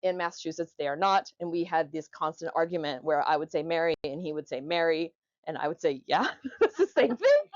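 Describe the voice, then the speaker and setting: A woman's voice: low voice, fairly even intonation, fairly quick, no room sound, muffled recording. A woman giving an informal, jokey explanatory talk to a group, conversationally demonstrating how words are pronounced. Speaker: presenter.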